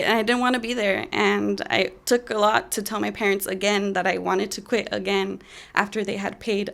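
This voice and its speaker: A young woman in her twenties telling a personal story in a candid, halting way with many fillers. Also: mid-range voice, creaky, fairly bright tone. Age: 20s.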